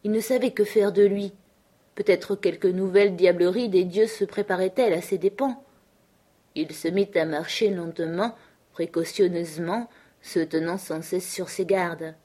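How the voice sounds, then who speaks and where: A woman narrates a classic adventure story in a measured, clear audiobook reading. Her voice sits low for a woman and stays steady from line to line.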